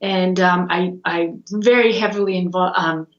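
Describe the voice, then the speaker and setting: A young woman from Russia, a guest musician, answering interview questions over a video call in a relaxed way, with many ums and you-knows. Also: on the low side, moderate pace. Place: small room at home, indoors. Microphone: video call with earbud headset. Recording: roomy, dull video-call audio.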